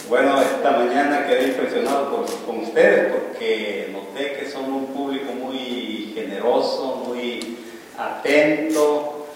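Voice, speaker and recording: A man's voice: mid-range voice, a little hiss or hum. A male pastor giving a sermon full of stories, acting out the dialogue as he tells them. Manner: warm anecdotal, acts out dialogue. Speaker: pastor and guest speaker. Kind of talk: sermon with storytelling. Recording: echoey hall from far off.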